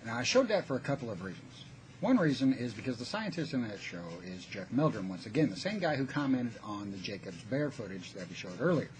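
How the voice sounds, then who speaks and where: A man's voice: medium pitch, very animated, fairly quick, a crowd in the background, rough recording. A man presenting in casual, unscripted, conversational talk, explaining things with a sceptical manner. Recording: noticeable background noise.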